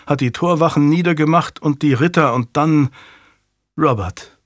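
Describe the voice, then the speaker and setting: A man's voice: a little high, normal speed, dry recording, studio quality, voice pushed up, natural voice. A man voicing an earnest young noblewoman who speaks with urgency. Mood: urgent.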